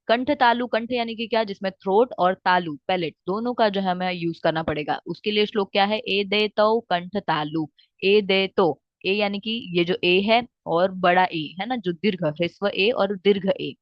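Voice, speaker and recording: A woman's voice: medium pitch, no room sound. Woman teacher, checking in as she explains. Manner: frequent "theek hai" check-ins, drawn-out recitation. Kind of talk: explaining lesson with Hindi-English mix. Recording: dry, slightly dull recording.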